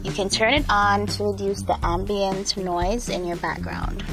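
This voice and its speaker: A woman vlogger chats her way through unboxing and testing a microphone at home, with plenty of fillers and questions for her viewers. Her voice sits at a middle pitch, and music plays clearly behind her. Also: steady tone, measured pace, low-quality recording. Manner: chatty, filler-heavy, asks viewers for feedback. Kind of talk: casual unboxing and mic test. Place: indoor room with a fan. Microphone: camera mic and clip-on mic, changing distance.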